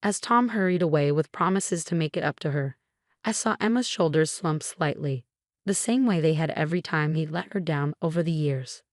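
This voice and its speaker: Woman reading a story out, low voice, dry and close, steady pace. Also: moderate pace, no room sound. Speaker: narrator. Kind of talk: scripted first-person story narration.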